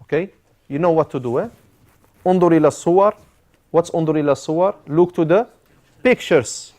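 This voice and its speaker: A man's voice: a little high, normal speed, dark tone. A man teaching an Arabic grammar class, explaining step by step with frequent "uh" fillers and Arabic terms mixed in. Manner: explains step by step, repeating key words.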